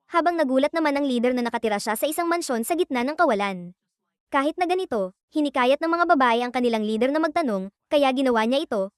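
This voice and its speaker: A woman narrating an anime recap in a steady, scripted storytelling read. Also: high voice, clean tone, no room sound, clean studio sound.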